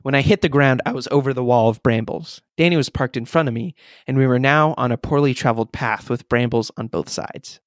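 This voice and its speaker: A man's voice: mid-range voice, fairly quick, hardly any pauses, no room sound, studio quality. Man reading aloud and teasing. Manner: teasing, joking. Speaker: podcast co-host reading a story aloud. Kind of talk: casual reading with banter.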